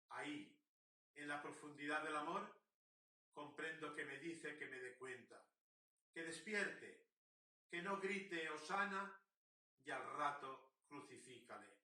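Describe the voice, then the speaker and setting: A man with a bright, sharp-edged voice gives a slow, prayerful gospel reflection. He lets his phrases fall away softly. The sound is roomy and echoing, with the mic set some distance from him. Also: fairly high pitch. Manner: slow, prayerful, with soft dips on line endings. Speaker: preacher.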